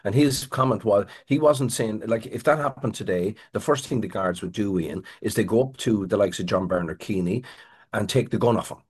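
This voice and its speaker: A man's voice: fairly low pitch, brisk, a little mellow, breathy edge. A middle-aged Irish man, a crime writer, telling a long rambling story in an interview, with frequent restarts. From Ireland.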